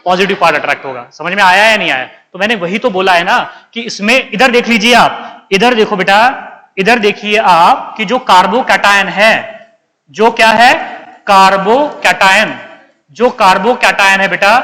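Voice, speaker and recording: High-voiced Indian chemistry teacher quizzing students. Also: male voice, normal speed, pushed and bright, in a large hall, poor audio. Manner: keeps quizzing students and answering himself, calls them beta. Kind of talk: classroom lecture.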